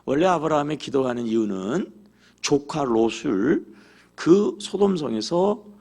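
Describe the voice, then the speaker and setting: A man preaching a sermon in a church with a high, gravelly voice. His pitch swings widely as he acts out prayers and quizzes the congregation. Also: unhurried. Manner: animated, acts out quoted prayers and dialogue; asks the congregation questions. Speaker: pastor. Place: church sanctuary.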